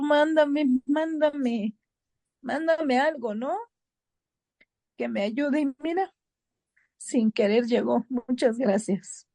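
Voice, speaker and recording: Halting woman, dry close sound. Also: medium pitch, warm tone, no room sound. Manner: emotional, halting, repeats words. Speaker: group member sharing. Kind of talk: personal testimony.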